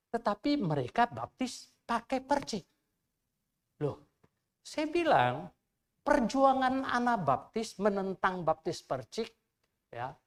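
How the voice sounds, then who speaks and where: An older man, a pastor, preaching a Sunday sermon in church in a conversational, storytelling way full of rhetorical questions. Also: high-pitched. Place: church during a Sunday service.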